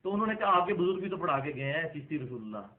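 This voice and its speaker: Man lecturing, tinny and high. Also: sing-song. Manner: argumentative, rising to emphatic outbursts. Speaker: Islamic lecturer. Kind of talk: religious lecture. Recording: tinny phone-like lo-fi sound.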